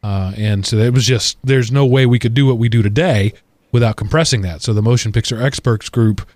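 A man's voice: medium pitch, fairly quick, a little mellow, no echo. A man hosting a podcast in casual chat, rambling through asides with wry, self-deprecating humor. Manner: rambling, full of asides and restarts. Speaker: podcast host.

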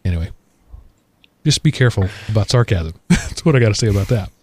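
A man's voice: on the low side, expressive, fast talker, a little mellow, breathy edge, no room sound. Rambling, wry male podcast host. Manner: rambling, full of asides and restarts; wry, self-deprecating humor. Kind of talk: casual podcast chat.

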